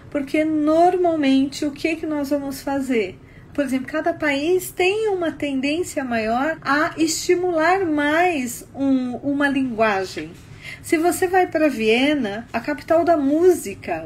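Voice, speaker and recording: A Brazilian woman with a Brazilian Portuguese accent, teaching about communication in an animated style full of stories and rhetorical questions. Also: high voice, unhurried, a little hiss or hum. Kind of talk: expressive talk.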